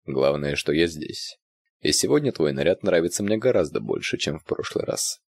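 A man voicing a smug, ironic male suitor who talks in a calm, teasing way, for an audiobook. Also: rumbling low, moderate pace, creaky, no room sound, full character voice.

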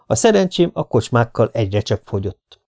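A man narrates a gritty audiobook in a dry, laconic, hard-boiled way. His voice is mellow and warm, pitched at an ordinary male level, and he reads without hurry. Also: sing-song, vocal fry. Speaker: audiobook reader. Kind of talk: first-person audiobook narration.

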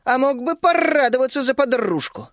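A bossy little gnome queen, put on by a male reader, fires off brisk, mocking exclamations in a high, bouncing voice. The storybook reading is close and dry, with no room sound. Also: lively intonation, a bit bright, dry recording. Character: bossy cheerful female gnome queen, small.

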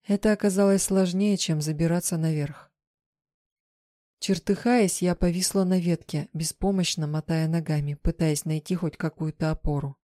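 Low-voiced woman narrating a story. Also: fairly even intonation, moderate pace, warm tone, no echo, clean studio sound. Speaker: audiobook narrator. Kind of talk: first-person fiction narration.

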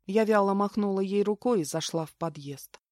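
A woman giving lively first-person audiobook narration into a close mic. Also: mid-range voice, moderate pace, no echo.

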